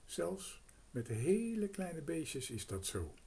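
A rambling, hungry male crow from a storybook, voiced by a man reading aloud. He talks slowly in a husky voice, with his pitch raised and swinging widely, and trails off into hesitations. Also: very animated, dark tone, exaggerated voice. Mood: musing.

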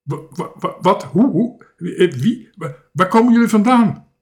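A man voicing a proud, excitable shipwrecked sailor who shouts and stammers. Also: mid-range voice, slow pace. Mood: stammering shock.

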